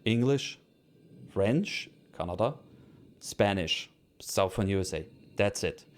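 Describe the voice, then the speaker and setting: This man's voice sits on the low side and is animated, though he takes his time. He's a let's play streamer and native German speaker with an Austrian accent, casually chatting with viewers while gaming live. His speech is hesitant, full of fillers and restarts.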